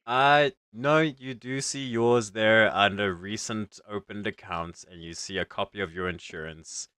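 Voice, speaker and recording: A man's voice: on the low side, measured pace, sharp tone, clean tone, dry recording, clean studio sound. A man casually narrating a tabletop game as game master, improvising informally.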